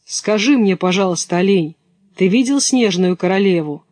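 A man reading the part of a gentle young girl who pleads earnestly. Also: sits high, lively intonation, normal speed, no echo, studio quality.

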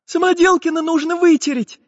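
A man's voice: steady tone, fairly quick. A man voicing a worried little girl who frets. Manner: fretting, high-strung. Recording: dull lo-fi with long reverb.

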